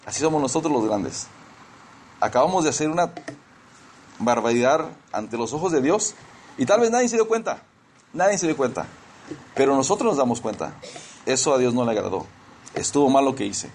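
A man's voice: mid-range voice, expressive, brisk, pauses often, darkish tone, a little hiss or hum. A man preaching a conversational sermon in church, often repeating words as he searches for the next one.

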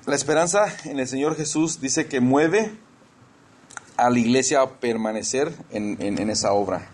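A man's voice: mid-range voice, moderate pace. A man preaching a conversational sermon in church, often repeating words as he searches for the next one.

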